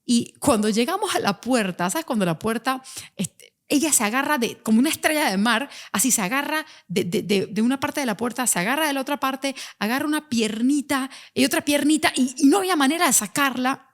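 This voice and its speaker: A woman telling a personal parenting story in an animated monologue, acting out the voices of the people she quotes. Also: sits high, a little fast. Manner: animated, acts out quoted voices, mixes in English words.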